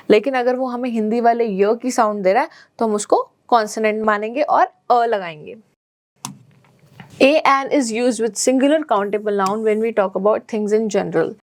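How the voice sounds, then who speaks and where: A woman's voice: a little high, no echo, clean studio sound. A woman teaching a grammar lesson to schoolchildren, switching between English and Hindi and checking in with her students often. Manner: slow careful English, quicker Hindi explanations.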